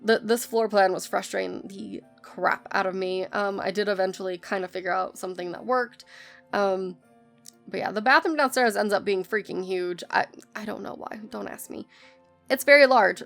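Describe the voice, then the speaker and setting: Hoarse, gravelly woman rambling casually. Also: mid-range voice. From United States. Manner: rambling, lots of ums, self-correcting. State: hoarse from bronchitis, coughing. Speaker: game builder narrating a speed build. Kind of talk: casual chatty voice-over. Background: soft background music.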